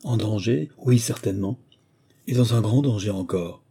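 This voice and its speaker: A man's voice: lowish voice, normal speed, warm tone, breathy edge. A man voicing a fussy, evasive village surgeon who rambles and hesitates, in an audiobook. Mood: blunt.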